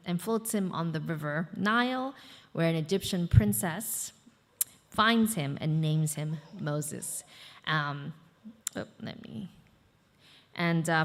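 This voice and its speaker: In a church hall with a big-room sound, a thirtyish pastor from the United States delivers a sermon in a lowish voice. Her style is conversational, full of fillers and side remarks to the congregation.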